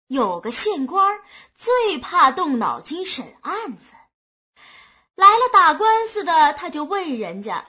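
A woman narrating a humorous folk tale in a lively, expressive storytelling manner, on a dull lo-fi recording. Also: very high-pitched, slow.

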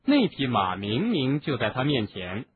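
A man narrating an audiobook in an expressive storytelling manner. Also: medium pitch, unhurried. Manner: expressive, doing voices for each character. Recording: narrow phone-like sound, faint hiss.

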